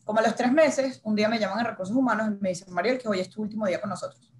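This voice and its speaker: A woman in her thirties, a journalist, telling her own career story as an interview guest and acting out her inner dialogue with animated quoted lines. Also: mid-range voice, very fast, slight background noise. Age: 30s.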